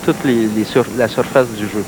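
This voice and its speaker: A man's voice: on the low side, steady tone, moderate pace. A man with a Quebec French accent giving informal, explanatory analysis as a golf-style sports commentator. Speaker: color analyst. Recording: noisy late-1980s TV sports recording.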